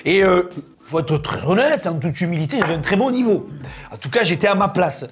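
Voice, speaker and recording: A man's voice: high voice, expressive, brisk. A young man with a Provençal accent from southern France, co-hosting a casual, enthusiastic chat. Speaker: co-host.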